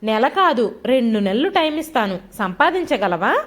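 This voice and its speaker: A bullying husband in a storybook drama, all contempt and ridicule, as a woman narrator plays him. His voice rides high and jumps about with scorn. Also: very animated, moderate pace. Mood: mocking. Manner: mocking, contemptuous. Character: scornful shouting male husband, middle-aged.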